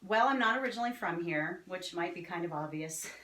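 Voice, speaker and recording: A woman's voice: on the low side, animated, brisk, pushed and bright. A woman in her forties with a New Jersey accent, chatting in an upbeat, easy way as an author being interviewed. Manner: chatty and upbeat, laughs easily. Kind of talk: casual interview chat. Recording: roomy with faint background noise.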